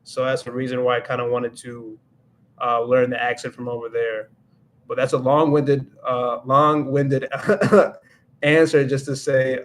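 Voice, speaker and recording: A rambling young man, a native English speaker, hosts a casual livestream and answers viewer questions. He self-corrects constantly, with many restarts and fillers, in a mid-range voice.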